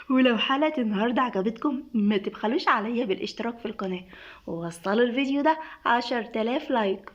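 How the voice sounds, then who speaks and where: Egyptian woman narrating a story, rather high voice, slightly dull lo-fi sound. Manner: lively, chatty sign-off to viewers.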